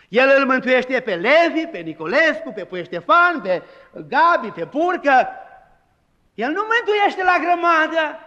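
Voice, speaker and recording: A man's voice: extremely high pitch, bright, forceful tone, long reverb tail, muffled recording. A man preaching a sermon as pastor, with emphatic delivery and dramatized quoted lines.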